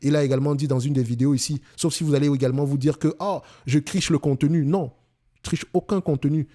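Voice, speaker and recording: A man's voice: fairly high pitch, steady tone, quick pace, mellow. A man with a Cameroonian French accent, hosting an investing channel in an emphatic casual monologue, often restarting and repeating himself.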